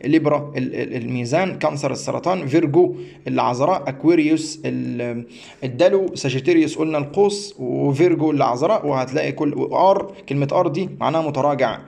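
A man's voice: on the high side, quick pace, vocal fry, a little mellow. A man with an Egyptian Arabic accent, explaining a website step by step in a rambling, repetitive way, often stumbling and restarting. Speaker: astrology teacher. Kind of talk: screen-share tutorial.

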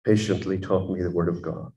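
A man's voice: sits low, fairly even intonation, fairly quick, mellow, reverberant, low-quality recording. A man preaching a sermon in an impassioned, emphatic manner.

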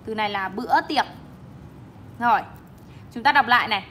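Woman, English teacher, young adult, bright voice, emphatic word modeling, bilingual classroom explanation. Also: a little high, moderate pace, slight background noise. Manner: emphatic, stresses syllables while modeling words.

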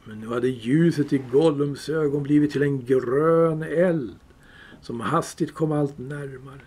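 A man reading a fantasy novel aloud in a calm, measured storytelling voice. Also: a little high, slightly rough. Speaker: reader. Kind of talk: audiobook reading.

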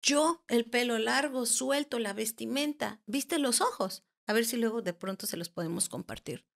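A woman around forty, a therapist and podcast guest, recounting a personal paranormal experience in a halting way, often restarting and searching for words. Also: on the high side, creaky.

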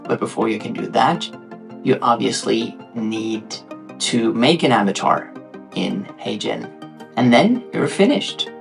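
This tutorial creator from Norway, a man in his thirties, speaks with a Norwegian accent in an unhurried, creaky mid-range voice. He's playful and talkative on camera, making asides to his viewers over guitar music, in a room with frosted glass at his back.

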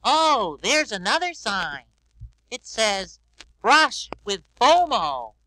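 A man voicing a big, sweet, childlike yellow bird on a read-along record, innocent and wondering aloud. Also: high voice, very animated, slow pace, heavily acted, rough recording. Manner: innocent, wondering, talks to himself.

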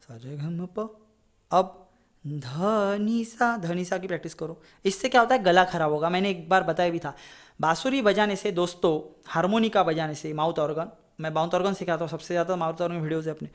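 Guy teaching flute, highish voice, rambles a lot, keeps asking ok?. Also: a little fast. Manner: chatty, rambling, digresses into advice; repeats "ठीक है?" to check in. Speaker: music teacher. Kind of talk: casual flute tutorial.

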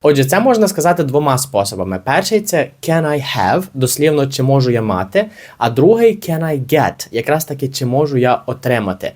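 A man teaching an English lesson, explaining with energy and saying the model phrases slowly and carefully. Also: medium pitch, sing-song, darkish tone.

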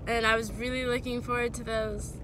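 This twenty-something woman talks a little fast in a fairly high, flat voice as she vlogs her shopping trip on a handheld phone at arm's length. The setting shifts from store aisles to a parked car, and background noise is present.

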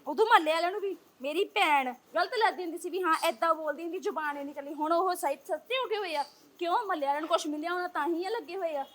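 High, fast-talking Punjabi woman, agitated. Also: a bit bright. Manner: agitated, insistent, rapid rhetorical questions. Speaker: interviewee. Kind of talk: heated street interview.

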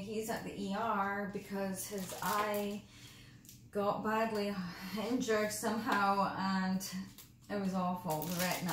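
A woman chatting casually in a cooking vlog in her home kitchen, rambling through asides and talking carefully because of mouth pain. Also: mid-range voice. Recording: echoey kitchen with background noise.

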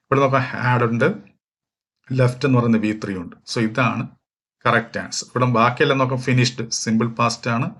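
A man from Kerala, walking through exam questions as a teacher, reading each question slowly and explaining at length with fillers. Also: mid-range voice, fairly even intonation, a bit bright. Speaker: English teacher for exam prep. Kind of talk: exam question walkthrough lesson.

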